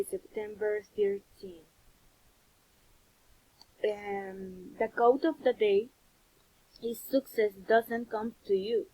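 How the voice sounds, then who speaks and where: A woman's voice: mid-range voice, dark tone, husky, low-quality recording. A woman from Honduras with a Honduran Spanish accent, teaching a recorded English lesson and explaining things in both English and Spanish. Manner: slow, patient, repeats words for pupils to copy; switches between English and Spanish.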